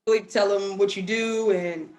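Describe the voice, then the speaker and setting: A woman hosting a virtual wine tasting, chatting in a relaxed way with fillers over a video call. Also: medium pitch, normal speed. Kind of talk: casual video call chat. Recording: echoey room on a video call.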